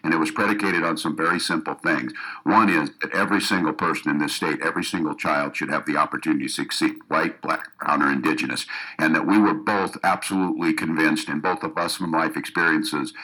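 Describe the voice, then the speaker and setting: Speaking a little fast in a very deep voice, steady yet bright and forceful, a man campaigns earnestly before a room of educators, with an audience in a meeting room. The audio is poor, and as a political candidate he keeps restarting and repeating his sentences.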